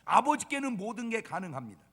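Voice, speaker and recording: A male pastor delivers an emphatic, dramatic sermon, his high voice swinging widely in pitch. His tone is husky, and a long reverb trails each phrase through the large church sanctuary. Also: sing-song, brisk, bright, forceful tone. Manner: emphatic, dramatic, rhetorical questions.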